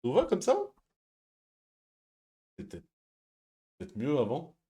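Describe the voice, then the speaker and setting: A man hosting a stream, chatting casually and reading viewer messages, speaking quietly and laughing often. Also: mid-range voice, huge pitch swings, unhurried. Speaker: stream host.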